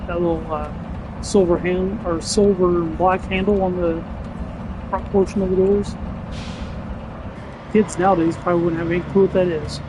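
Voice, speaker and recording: A man's voice: high-pitched, level tone, normal speed, pauses often, noisy background. A man giving casual gameplay commentary as a gaming channel host, chatty, with joking asides.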